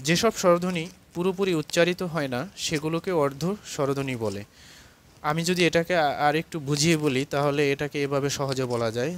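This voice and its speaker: A middle-aged male teacher walks through a grammar lesson in a slightly high voice. He sounds out each example word, stretching and repeating it, then lets his voice sink low and soft as he closes each definition. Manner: drops low at the end of definitions, louder on example words.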